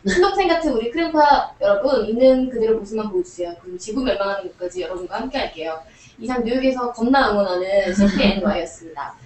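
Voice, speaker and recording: A woman's voice: medium pitch, lively intonation, fast talker, a little mellow, echoey room, distant mic, a little hiss or hum, poor audio. A young woman, a member of an idol group, playfully reading fan letters aloud during a casual live broadcast.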